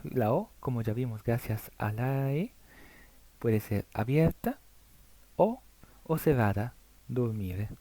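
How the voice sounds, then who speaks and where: A man whose first language is Italian, teaching Spanish speakers the Italian alphabet over slides. He spells out letters and example words slowly and carefully. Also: mid-range voice, animated, warm tone, no echo. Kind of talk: slide-based alphabet lesson.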